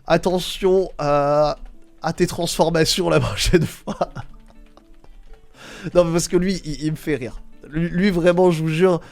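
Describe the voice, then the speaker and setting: Male streamer, slightly raised pitch, relaxed and profane, reading chat live. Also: unhurried, creaky, long pauses, faint music behind. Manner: relaxed, swears, laughs often, talks to chat.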